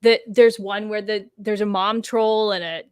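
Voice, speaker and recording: A woman hosting a book livestream, talking enthusiastically in a halting way with frequent restarts. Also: medium pitch, level tone, clean tone, no room sound, studio quality. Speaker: livestream host. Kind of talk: casual livestream interview chat.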